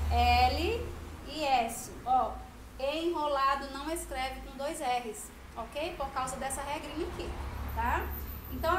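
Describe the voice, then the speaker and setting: Brazilian teacher, woman, high voice, patient and explanatory, echoey room with faint hiss. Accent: Brazilian Portuguese. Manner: patient, explanatory, stresses example sounds slowly. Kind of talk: children's grammar lesson.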